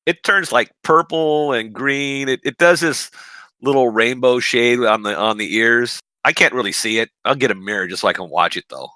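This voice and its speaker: A man on a gaming podcast panel, speaking through a gaming headset with deadpan jokes. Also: medium pitch, moderate pace, no echo. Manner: deadpan, joking. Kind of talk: casual gaming podcast chat. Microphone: new gaming headset.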